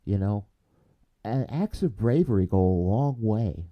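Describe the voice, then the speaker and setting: A man hosting a casual podcast, talking in a halting way with many restarts, growing more upbeat as he signs off. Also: lowish voice, animated, lo-fi sound. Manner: halting, many restarts and fillers, rising when signing off. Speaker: podcast host.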